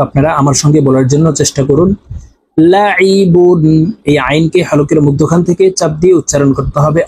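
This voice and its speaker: A man teaching Quran reading, spelling out each syllable and repeating every word slowly so learners can follow. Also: a little high, darkish tone, slight background noise, low-quality recording. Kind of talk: spelled-out recitation lesson.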